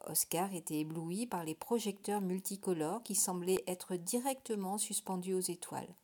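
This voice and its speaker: A woman reading a children's storybook aloud with expressive delivery, dropping to a hush in tense moments. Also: fairly low pitch, normal speed.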